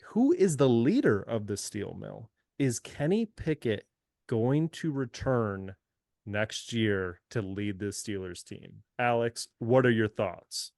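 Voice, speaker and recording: A man's voice: lowish voice, animated, slow, creaky, darkish tone, no room sound, clean studio sound. A man co-hosting a casual sports podcast, joking and teasing his friends. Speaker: podcast co-host.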